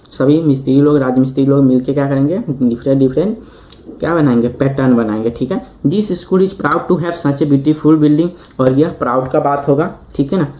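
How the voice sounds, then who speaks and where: Male maths tutor, mellow tone, explains step by step with constant "theek hai" check-ins. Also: medium pitch. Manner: repeats "ठीक है" often, reads English lines slowly then explains. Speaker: host of the channel. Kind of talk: online maths lesson.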